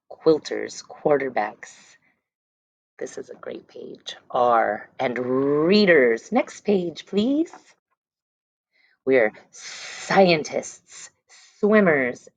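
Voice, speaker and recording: With drawn-out words, vocal fry, and an expressive, rumbling low voice, a woman teacher reads a picture book aloud to her elementary class. She highlights words and letter sounds and gives brief explanations. The recording is dry and the audio dull.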